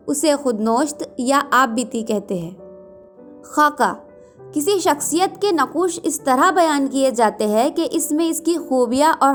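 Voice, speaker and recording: A woman teaching an exam revision lesson. She names each term, then reads out its definition and examples. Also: high voice.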